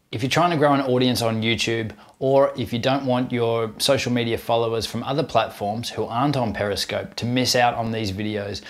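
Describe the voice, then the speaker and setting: With a mid-range voice, the host, a man in his thirties, walks through a scripted how-to tutorial and gives clear instructions one step at a time.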